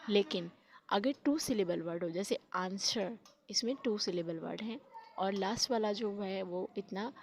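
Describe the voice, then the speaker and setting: A woman's voice: medium pitch, a little slow, a little hiss or hum. A woman teaching spelling rules, explaining patiently step by step and mixing in English terms.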